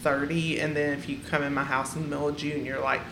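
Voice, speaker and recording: A woman's voice: deep voice, flat delivery, fast, noisy background. A woman co-hosting a podcast, chatting casually and filling her talk with "like" and "um.". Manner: chatty, filler-heavy with frequent "like". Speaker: podcast co-host. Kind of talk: casual chat. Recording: roomy echo.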